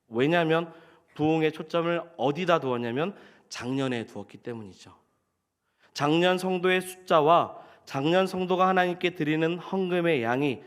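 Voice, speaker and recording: A male pastor preaching a sermon, often asking the congregation questions and acting out what people might have said. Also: a little high. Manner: asks the congregation questions, acts out quoted speech.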